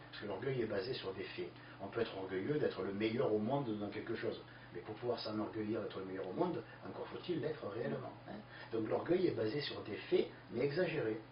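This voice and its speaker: A man answering listener questions in a lively, emphatic explanatory talk full of fillers. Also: mid-range voice. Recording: distant, echoey, dull lo-fi with faint hiss.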